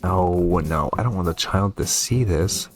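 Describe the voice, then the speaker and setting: A gaming video host comments on a horror game, reacting and reading on-screen text aloud in a low, unhurried voice as game music plays.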